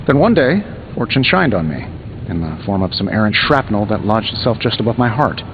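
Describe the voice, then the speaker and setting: An American man playing a cocky, sarcastic superhero inventor with glib, quick-witted banter in a video game. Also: lowish voice, sing-song. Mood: glib, self-mocking. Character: cocky, wisecracking male superhero inventor in armour. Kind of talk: video game dialogue acting. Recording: dull game audio with music behind.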